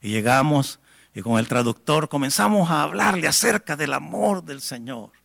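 A man preaching, telling a testimony in a dramatic storyteller's way that swells to near-shouts. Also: fairly high pitch, lively intonation, moderate pace, vocal fry. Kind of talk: sermon testimony.

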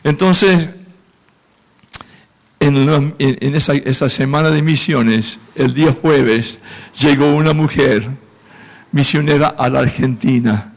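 A man, a pastor, preaching a testimony, speaking emotionally and lifting his voice high when he acts out his own prayers. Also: takes it slowly, vocal fry, long pauses. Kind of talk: sermon testimony.

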